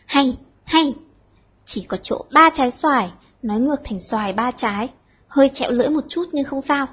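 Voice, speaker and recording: A woman doing a bossy, sharp-tongued teenage girl. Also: high voice, husky, muffled recording. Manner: brisk, commanding, mock-stern.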